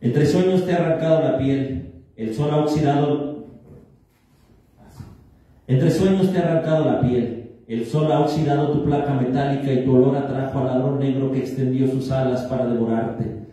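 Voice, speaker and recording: Male poet reads his verse; deep-toned and mellow; roomy, distant recording. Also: fairly even intonation, moderate pace. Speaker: poet reading his own poem. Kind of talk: poetry reading. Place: reading event in a hall. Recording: echoey hall from far off.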